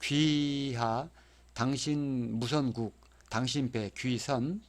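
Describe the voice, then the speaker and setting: A man gives a recorded exam lecture in an explanatory tone. He repeats each key term for memorizing and spells English phrases out slowly. His voice sits at a middle pitch. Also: steady tone.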